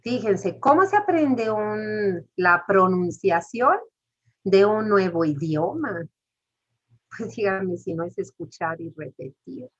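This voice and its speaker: Husky, low-pitched woman lecturing; she explains step by step and quizzes the class. Dull recording. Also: animated, takes it slowly. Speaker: teacher. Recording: muffled lo-fi recording.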